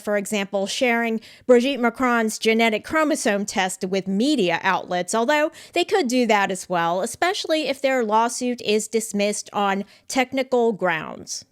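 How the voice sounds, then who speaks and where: A woman giving measured, opinionated commentary on a court case as the host of an online show. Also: medium pitch, clean tone. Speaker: legal commentator. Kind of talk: scripted commentary.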